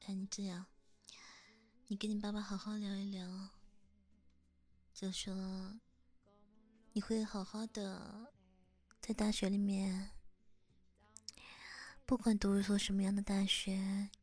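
In a whispered ASMR scene, a woman acts as a younger boy's hairdresser, coaxing him softly like a big sister while staying close to the mic. Her medium-pitched delivery is flat and slow, with frequent pauses.

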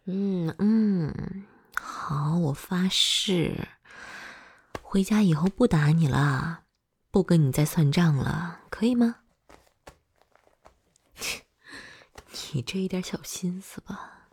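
A woman's voice: on the low side, expressive, drawn-out words, pauses often, a little mellow, full character voice. A woman voicing a hot-tempered but doting older girlfriend in whispered role-play. She swears freely and swings between scolding and coaxing. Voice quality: very breathy, husky.

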